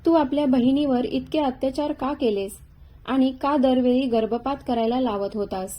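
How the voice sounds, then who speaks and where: A woman's voice: high-pitched, moderate pace, dull audio, close to an everyday voice. A woman voicing a stern, mocking male police inspector in a spoken story, cold and accusing.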